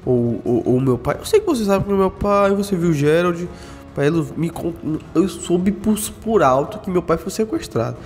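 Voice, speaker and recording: A man, doing animated game roleplay full of slang and tough-guy banter. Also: high-pitched, normal speed. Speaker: gamer doing roleplay as a gorilla's son. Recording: reverberant with faint background music.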